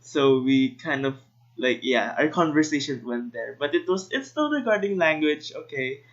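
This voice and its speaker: A man's voice: a little high, expressive, normal speed, muffled recording. Rambling young man hosting. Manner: rambling, full of "like" and restarts. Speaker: podcast host. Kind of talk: casual podcast chat with narrated links.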